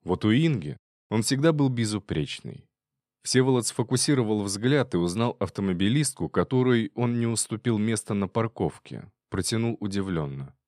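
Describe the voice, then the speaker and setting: A man narrating an audiobook in an even storytelling manner. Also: lowish voice, normal speed, dry recording, studio quality. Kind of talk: audiobook reading.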